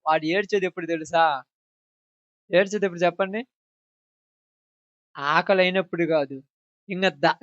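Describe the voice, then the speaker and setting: A high-voiced man preaching a sermon, talking straight at his listeners. He swings from loud, pressing points to hushed asides. The recording is dry and a little dull. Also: no echo. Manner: emphatic, swinging loud and soft, addressing listeners directly.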